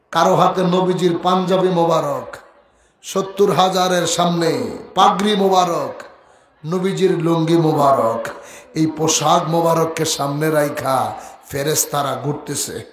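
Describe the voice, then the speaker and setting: Preacher guy, high voice, slow storytelling, shouts a lot. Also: echoey room. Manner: shouts to the crowd, drawn-out storytelling. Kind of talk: religious sermon.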